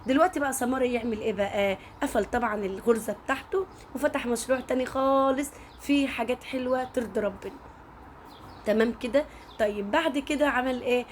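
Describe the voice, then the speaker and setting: Egyptian woman rattling off a story super fast, kinda high voice, chatty, keeps talking right to the listeners. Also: a little hiss or hum. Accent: Egyptian Arabic. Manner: chatty, addresses listeners directly with fillers. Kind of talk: casual spoken storytelling.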